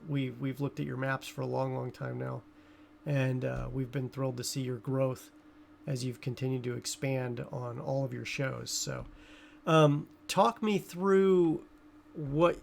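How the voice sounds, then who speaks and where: A show host with a gravelly, mid-range voice runs a casual interview, asking his questions in a loose way packed with fillers.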